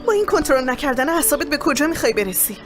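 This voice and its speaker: Reasoning young man, high voice, scolding, over music. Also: big pitch swings. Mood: reproachful. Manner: reasoning, reproachful. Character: level-headed young man scolding his friend. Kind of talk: Persian dub of a Turkish drama.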